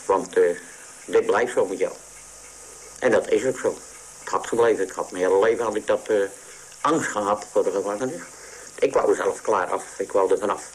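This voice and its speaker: A man in a radio interview whose voice is electronically distorted and pitch-shifted to hide who he is; he speaks hesitantly, with many halting restarts. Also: breathy edge. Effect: voice distorted to disguise identity, pitch-shifted. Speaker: interviewee, former patient.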